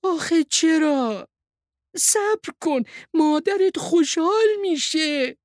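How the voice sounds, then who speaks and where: A woman voicing a cheerful, excitable sheep in a high storybook voice. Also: dry recording, clean studio sound. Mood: eager.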